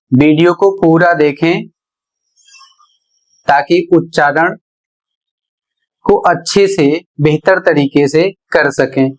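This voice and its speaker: Slow, deliberate male teacher. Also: on the high side, rough recording. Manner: slow, deliberate, repeats phrases while explaining. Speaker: English pronunciation teacher. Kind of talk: explanatory lesson, spelling words letter by letter.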